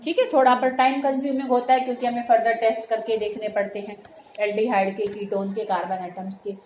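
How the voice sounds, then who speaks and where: High-pitched lady teacher lecturing a class, roomy echo, faint hiss behind. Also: level tone, quick pace, a little mellow. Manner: checks understanding often, calls students "beta". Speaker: chemistry teacher. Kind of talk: classroom lecture mixing Hindi and English terms. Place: classroom with students answering. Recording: echoey room with faint noise.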